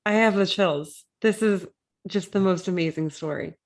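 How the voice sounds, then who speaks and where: A woman hosting an interview podcast, enthusiastic and quick to laugh in casual chat. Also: medium pitch. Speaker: podcast host.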